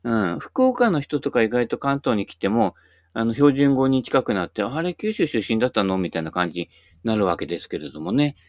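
With a mid-range, sing-song voice and a darkish tone, a Japanese man in his sixties rambles casually and a little fast while hosting his own YouTube channel. The sound is clean studio audio with no echo. His manner is chatty and folksy, with many tag words and asides.

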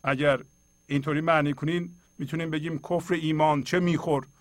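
A man's voice: fairly high pitch, steady tone, dry recording. A middle-aged man hosting a spiritual program, explaining verses of poetry in a colloquial and earnest way, and urging listeners directly. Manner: earnest, exhorting, speaks straight to listeners. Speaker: host.

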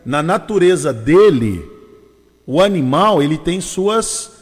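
A man's voice: fairly high pitch, big pitch swings, slow, breathy edge, long reverb tail. A man hosting a morning radio show from São Paulo, chatting casually and laughing often, with a Brazilian Portuguese accent. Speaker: radio host.

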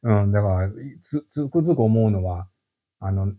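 A middle-aged man with a Kansai accent, chatting as a podcast guest and explaining his work in an animated, storytelling way. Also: lowish voice, normal speed, narrow, tinny audio. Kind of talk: casual podcast chat.

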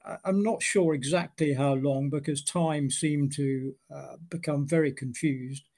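Older British man, halting dry storyteller. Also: on the high side, fairly even intonation, darkish tone. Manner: halting, many restarts and fillers, dry humor. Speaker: interviewee, former Royal Marines officer. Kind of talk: oral history interview.

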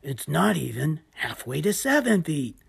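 A woman's voice: low voice, big pitch swings, unhurried, vocal fry, breathy edge, full character voice. A woman voicing a worried young hippo. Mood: doubtful. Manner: worried and doubtful. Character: anxious hungry young male hippo.

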